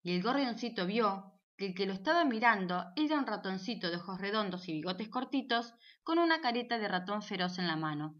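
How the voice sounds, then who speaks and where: A woman narrating a children's storybook in an animated, playful way. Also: medium pitch, a little fast, hardly any pauses, highs cut off. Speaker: audiobook narrator.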